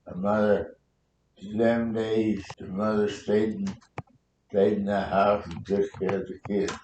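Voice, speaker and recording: An American man in his nineties, a war veteran, telling his memories in a halting, rambling old-timer way during an oral history interview. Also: little pitch movement, a little mellow. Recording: roomy echo, faint noise and rumble.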